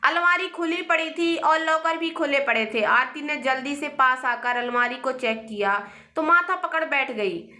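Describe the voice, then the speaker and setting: A woman narrating a family drama story in a dramatic, expressive way. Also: high-pitched, moderate pace, echoey room.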